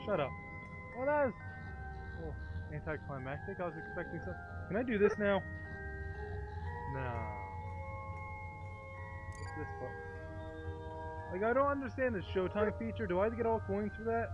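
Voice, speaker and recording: A man's voice: sits high, lively intonation, moderate pace, pauses often, dull audio. A man giving casual commentary as he plays a horror game, muttering to himself a bit uneasily. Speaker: streamer playing a horror game. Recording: game music behind the voice. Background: mallet-like game music.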